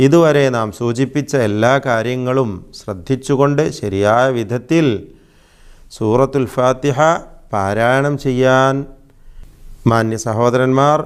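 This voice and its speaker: A man's voice: mid-range voice, smooth. A man teaching the rules of Quran recitation in a patient, explaining lesson, stretching out sounds to demonstrate them. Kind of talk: religious lesson.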